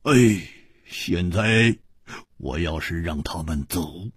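A man's voice: low-pitched, slow, a bit bright, husky, no room sound, clean studio sound, voice pushed down, heavily acted. A man voicing a bold young male swordsman who stammers and repeats words. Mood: hesitant. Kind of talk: storytelling narration.

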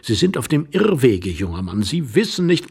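Brief: man doing a desperate pleading gent, raspy and gravelly, wide swings. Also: medium pitch, very animated, normal speed, darkish tone, voice pushed up, heavily acted. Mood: pleading, flustered. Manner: pleading, flustered and stammering. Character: desperate, pleading middle-aged man wedged under a bed.

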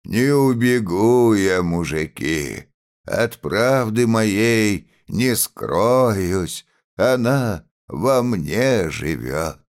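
A man's voice: fairly low pitch, animated, heavily acted. Man playing a defiant beaten peasant orator. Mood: defiant solemn. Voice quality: full, tight, ringing voice. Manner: slow, solemn, declaiming to the crowd.

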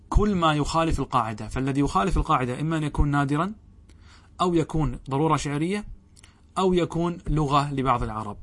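A man teaching a classical Arabic grammar lesson, explaining step by step and answering his own questions, slowing down to spell out word forms. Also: on the high side.

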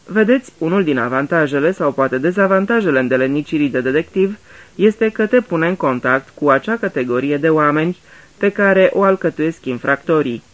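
In a radio drama reading, a man voices Poirot, the fussy, courteous older detective. His slightly high, lively voice sounds close to everyday speech as he explains things politely and patiently, like a teacher.

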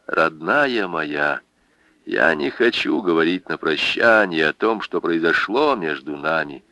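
A man reading a soft, low farewell letter. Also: gravelly, no room sound, exaggerated voice. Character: tender, soldier man writing a farewell letter.

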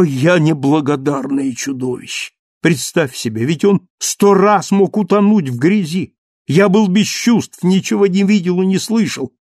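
A man voicing a frantic, passionate young man who shouts in impassioned outbursts in an audiobook reading. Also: high-pitched, creaky, no room sound, studio quality, voice pushed up.

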